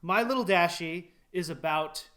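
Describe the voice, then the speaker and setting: A man who is a guest animator on a podcast, talking in a casual, animated way with frequent laughs and filler words. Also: sits high, normal speed. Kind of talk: casual chat.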